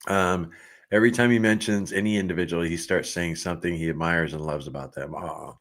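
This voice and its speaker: On his relaxed livestream, a middle-aged man reads comments from viewers aloud and chats with frequent laughter. His voice sits low and his pace is a little fast.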